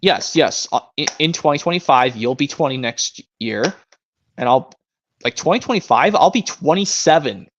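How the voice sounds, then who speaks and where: A man in his twenties hosts a casual live stream, rambling and frequently restarting sentences. His voice is higher and animated at normal speed, and the muffled lo-fi stream audio carries a little hiss or hum.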